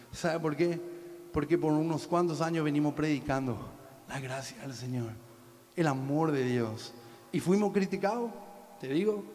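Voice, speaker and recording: Man preaching, high voice, shouts then hushes, long hall echo. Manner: preaching with sudden shouts and soft drops. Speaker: pastor. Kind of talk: sermon. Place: church hall.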